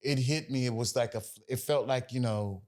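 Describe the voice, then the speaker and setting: A man's voice: mid-range voice, fairly quick, a little mellow. An American man in his forties, a singer, telling his story in a casual interview with many fillers and restarts. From United States. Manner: loose, rambling, lots of fillers and restarts. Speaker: guest, singer.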